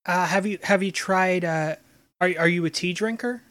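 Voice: mid-range voice, moderate pace, fairly bright tone. Speaker telling a meandering story. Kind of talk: casual chat.

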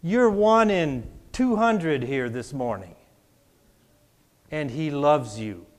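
Slow, higher-voiced preacher man. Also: lively intonation. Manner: call-and-response, has the congregation repeat after him; emphatic, drawn-out repetition. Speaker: pastor. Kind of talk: sermon. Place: church before a congregation.

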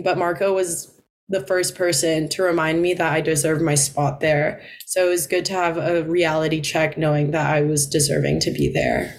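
Young woman swimmer, easygoing, slightly low. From Philippines. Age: 20s. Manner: relaxed, frequent ums and soft laughs. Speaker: college swimmer guest. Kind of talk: casual interview answers.

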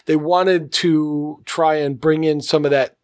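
A man's voice: fairly high pitch, steady tone, slow, darkish tone, no room sound, studio quality. A man co-hosting a podcast, chatting casually and telling stories with enthusiasm. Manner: enthusiastic storyteller, frequent restarts. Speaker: podcast co-host. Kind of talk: casual chat. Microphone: podcast mic in a living room.

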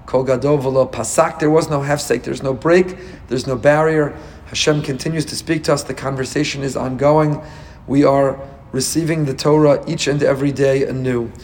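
A man with a hoarse, raspy, worn-out voice giving a religious lecture as a rabbi, emphatic and repeating points in strings of synonyms. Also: a little high, big-room sound. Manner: emphatic repetition, piling up synonyms. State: hoarse, voice nearly lost. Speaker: rabbi teaching a weekly Torah portion class.

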